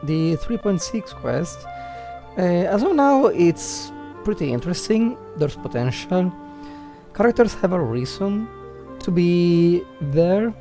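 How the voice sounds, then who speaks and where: A native Italian speaker with an Italian accent livestreams casual game commentary, thinking out loud in a hesitant, reflective way as he searches for words. His voice is high-pitched and very animated, yet he takes it slowly, speaking over music.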